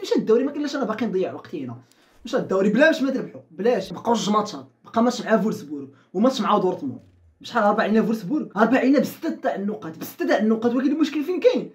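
A woman with a Moroccan Arabic accent giving live gameplay commentary. She is excitable, laughs often and shouts at the game. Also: on the high side. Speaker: gaming YouTuber.

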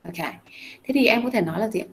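A woman's voice: fairly high pitch, fast, slight background noise, poor audio. A young adult woman teaching an English class. She explains each phrase step by step. She keeps coaxing her students with repeated questions.

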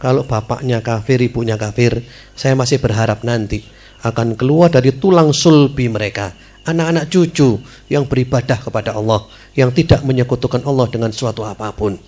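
Preacher with swooping emotive delivery. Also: male voice, normal speed. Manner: emotive storytelling, voice rising high then dropping soft. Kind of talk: sermon.

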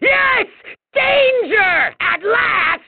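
A man voicing a vain, scheming little evil emperor in a video game, with a shrill gravelly voice and a pompous, theatrical, exclamatory delivery. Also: lively intonation, very slow, raised voice, exaggerated voice. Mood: excited, bossy. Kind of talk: video game villain voice acting. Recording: thin, phone-like narrow-band sound.

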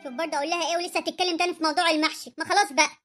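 A snappy, rude Egyptian daughter-in-law. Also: female voice, very high-pitched, fairly even intonation, rapid-fire, music in the background. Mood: impatient. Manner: snappy, dismissive, bossy.

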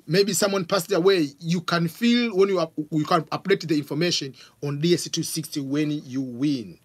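This fortysomething man from Tanzania has a husky, fairly high voice and a Tanzanian accent, talking at normal speed. He hosts a live question-and-answer stream from his home office, animatedly reading viewer questions and gesturing a lot into a studio mic on a stand with a pop filter.

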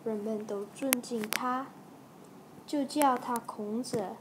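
Woman teacher reading a story for learners. Very slow and deliberate, with audible background noise. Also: on the high side, fairly even intonation. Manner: slow, halting, carefully paced reading.

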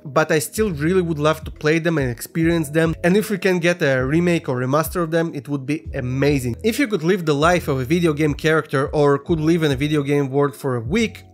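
Man in his thirties, from Russia, casual vlog Q&A, slightly high voice, soft music underneath. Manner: relaxed, chatty, reads questions aloud then answers. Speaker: YouTuber answering viewer questions. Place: small room with neon lights, indoors. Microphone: studio mic on stand in front.

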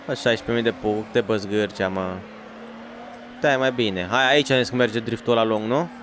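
A man playing a racing game for his channel, chatting in slangy, excitable bursts to himself and his viewers. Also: fairly low pitch, noisy background. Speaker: gaming YouTuber. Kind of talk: let's play commentary.

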